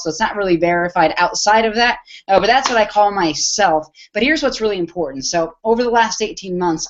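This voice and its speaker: An internet marketer in his twenties makes an eager sales pitch on a webinar, frequently restarting his phrases. The sound quality is lo-fi.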